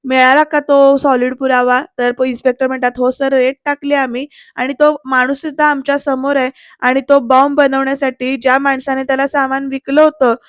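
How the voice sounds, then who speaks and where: A woman's voice: sits high, flat delivery, fairly quick, no room sound. A woman narrating a voice-over review of a TV serial episode, retelling the scenes and quoting each character's lines in turn.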